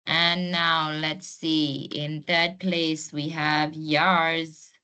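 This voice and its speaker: A woman stretches out her words in a low, level voice that is sharp, clear and resonant. As host and trainer of an informal online webinar held over video call, she keeps a casual tone and prompts participants to take part.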